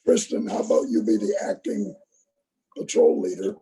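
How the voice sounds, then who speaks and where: Hoarse, gravelly-voiced troop leader. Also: male voice, high voice, fairly even intonation, normal speed, dark tone, rough recording. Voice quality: gravelly, rough voice. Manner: patient, instructive, checks that he is understood. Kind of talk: leading an online youth meeting. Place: video call. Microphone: tablet on a video call.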